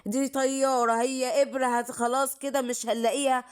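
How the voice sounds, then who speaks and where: A woman's voice: sits high, flat delivery, fairly quick, smooth, lightly acted. A woman with an Egyptian accent voicing the confident, fatherly king of the jungle in a children's bedtime cartoon, reassuring and commanding. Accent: Egyptian Arabic.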